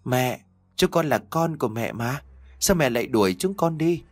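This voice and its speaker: A man voicing a small ghost boy of about four who pleads slowly and reproachfully with the woman he calls his mother. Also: mid-range voice, expressive, no room sound, voice pushed up, close to an everyday voice.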